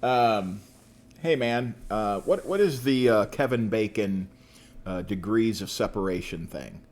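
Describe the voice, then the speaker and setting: A man's voice: lowish voice, animated, measured pace, darkish tone. A man co-hosting a casual podcast, talking in a rambling way with many fillers and restarts. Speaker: podcast co-host. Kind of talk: casual chat.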